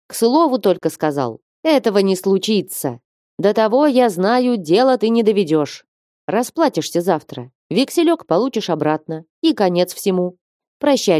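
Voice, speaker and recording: A woman's voice: medium pitch, warm tone, no echo, clean studio sound, close to an everyday voice. A woman reading aloud as a wealthy, domineering male merchant who coaxes but will not yield. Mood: firm. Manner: coaxing yet unyielding, proverb-quoting.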